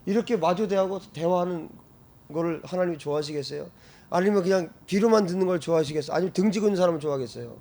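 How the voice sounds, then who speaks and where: A male pastor preaching an animated sermon, breaking into loud shouted exclamations and frequent laughter. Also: high voice, racing.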